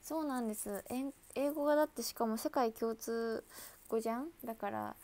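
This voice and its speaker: A woman's voice: on the high side, fairly quick, warm tone. A woman idol chatting casually with viewers on a livestream, talkative and laughing often.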